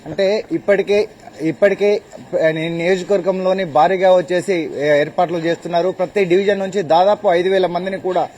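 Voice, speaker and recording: Casting: male TV field reporter, high voice, brisk formal delivery. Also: fairly even intonation, darkish tone. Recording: faint ambient noise.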